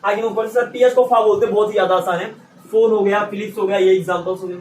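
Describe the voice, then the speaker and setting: Guy teaching english sounds, kinda high voice, lively, mic a bit far off in an echoey room. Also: fast, a little hiss or hum. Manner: lively teacherly, repeats words for students to echo, chuckles to himself. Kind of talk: explaining pronunciation rules in a lesson.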